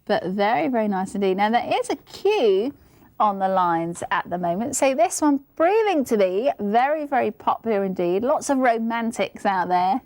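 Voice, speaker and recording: A woman's voice: medium pitch, lively intonation, normal speed, a little mellow, no echo. A woman presenting on a shopping channel, chatty and giggly as she reads out item numbers and prices. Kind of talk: live sales presentation. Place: TV studio.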